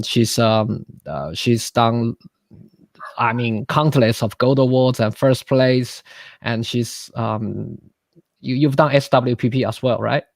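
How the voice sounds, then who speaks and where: Male host, mid-pitch, halting and eager, dry close sound on a video call. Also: vocal fry, no room sound. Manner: halting, many fillers and restarts, enthusiastic praise. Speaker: webinar host. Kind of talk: casual webinar hosting.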